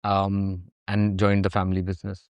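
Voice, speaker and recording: A man speaks as an interview guest in a polished, upper-class Indian accent. His voice sits low and is clean and resonant. He answers conversationally and reflectively, with very little room around the sound. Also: monotone, normal speed, no echo. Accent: educated upper-class Indian.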